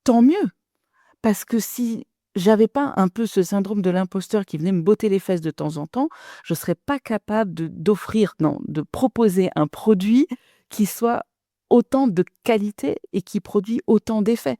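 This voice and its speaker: A woman's voice: mid-range voice, moderate pace, dark tone, dry recording, studio quality. A middle-aged woman business coach talking to listeners in a direct, chatty podcast monologue.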